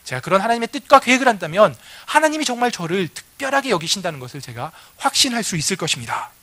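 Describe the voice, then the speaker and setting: A man's voice: high voice, very animated, quick pace, bright, forceful tone, slightly rough, no echo, exaggerated voice. A man voicing a male prophet who prays to God, pleading at first and then pressing his demands.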